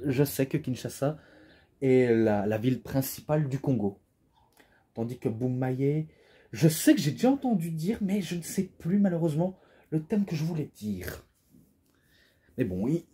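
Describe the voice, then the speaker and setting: Man, imposing voice, mellow tone, casual review, rambling, gets carried away. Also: a little high, breathy edge. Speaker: wrestling DVD reviewer.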